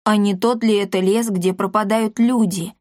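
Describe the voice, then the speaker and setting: A woman's voice: mid-range voice, steady tone, moderate pace, a little mellow, dry recording, studio quality, close to an everyday voice. A woman voicing a timid, chubby young man who is nervous and easily frightened. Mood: uneasy.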